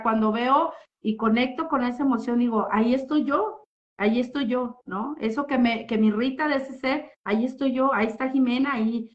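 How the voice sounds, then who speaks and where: A woman gives a heartfelt personal therapy testimony. She talks expressively and often checks in with tag questions. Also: high-pitched. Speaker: guest giving a therapy testimony. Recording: muffled lo-fi audio.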